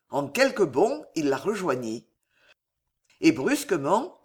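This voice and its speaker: A man reading a historical adventure novel aloud in a measured, theatrical way. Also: sits high. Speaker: audiobook reader.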